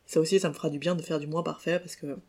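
A woman's voice: deep voice, steady tone, very fast, darkish tone, breathy edge. A young woman with a French accent hosts a solo podcast in an easy, unscripted way. She hesitates often, fills gaps and corrects herself mid-phrase. Her tone is self-deprecating and chatty. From France. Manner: laughs between lines, self-deprecating. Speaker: podcast host. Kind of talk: casual solo podcast monologue.

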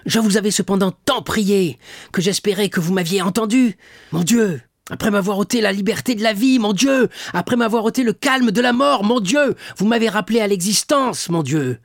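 A man voicing a young sailor locked in prison, crying out and pleading in a raised, raspy voice. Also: mid-range voice, fairly even intonation, a little fast, darkish tone, dry recording, clean studio sound, lightly acted. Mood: desperate pleading. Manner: crying out, pleading, eager answers.

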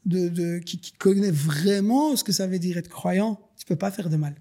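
A man's voice: high voice, moderate pace, dark tone. A man, a podcast guest talking earnestly and at length in a casual conversation, like someone giving a sermon. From Belgium. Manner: earnest, preachy storytelling, addresses listeners as "les gars". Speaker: podcast guest, business owner.

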